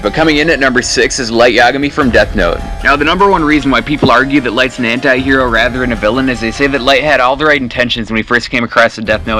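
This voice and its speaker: Guy doing a top ten countdown voiceover, talks fast, blunt n sweary opinions, music in the back. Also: mid-range voice, rough recording. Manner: blunt, casually profane.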